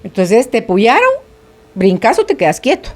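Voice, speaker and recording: A woman's voice: a little high, big pitch swings, normal speed. A woman hosting a radio talk show, chatty and informal, moving between guest talk and listener messages. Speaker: radio podcast host. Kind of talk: casual on-air interview hosting.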